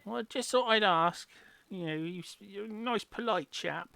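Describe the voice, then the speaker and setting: A woman playing a loud, sassy, blunt barmaid in a tabletop fantasy game. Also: mid-range voice, normal speed, creaky, a crowd in the background, pitched above the performer's own voice, natural voice. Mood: sassy, grumbling. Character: loud, sassy, crude female barmaid, protective of favourites.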